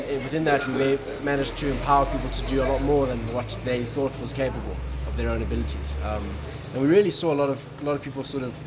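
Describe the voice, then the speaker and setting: A man from Malawi, a guest talking casually about his tourism business, relaxed and saying "um" and "look" a lot. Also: mid-range voice. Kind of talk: casual interview talk. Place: coffee shop. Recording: noisy coffee shop background.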